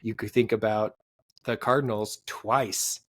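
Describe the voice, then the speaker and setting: A man co-hosting a sports podcast, rambling in casual chat with lots of fillers and sudden pitch jumps. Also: fairly even intonation, a little slow, no room sound. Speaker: podcast co-host.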